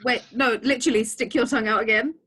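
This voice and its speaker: A young woman, hosting a podcast in relaxed casual chat and laughing easily. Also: a little high, fast talker, slightly rough. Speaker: podcast host.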